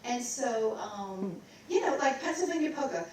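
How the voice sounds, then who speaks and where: A middle-aged guest vocalist from Maryland, USA, sits for a casual onstage interview in a recital hall, telling her story in a rambling way and breaking into scatted and sung bits. Her voice is a little high and mellow, with lively intonation and a moderate pace. Picked up by a distant mic in a roomy hall, it carries slight background noise.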